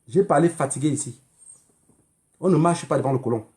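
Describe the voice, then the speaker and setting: Speaking a little fast in a fairly high, slightly mellow voice, a Cameroonian-accented man delivers a political monologue to his livestream viewers. The online activist is emphatic and admonishing, with repeated phrases and rhetorical questions thrown in.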